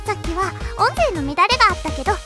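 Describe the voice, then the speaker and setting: A woman's voice: extremely high pitch, very animated, fast talker. A woman voicing a cheeky, stubborn fifteen-year-old cat-like girl idol hosting a radio show, ending her phrases with "nya" cat sounds. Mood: chirpy. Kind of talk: anime radio drama. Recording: loud music behind the voice. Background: children's music.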